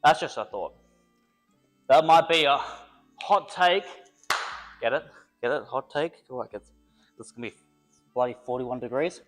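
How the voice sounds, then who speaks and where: In a casual workout vlog, a young personal trainer rambles and jokes while exercising, musing aloud between sets and sounding a little congested from a cold. His mid-range voice is unhurried with long pauses, and soft music plays behind him.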